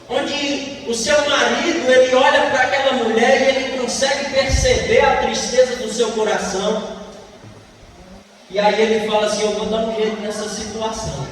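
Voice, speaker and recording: A man's voice: very high-pitched, fairly bright tone. A man preaching a sermon, emphatic and repetitive, asking rhetorical questions. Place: church hall. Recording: echoey church hall, distant mic, faint noise.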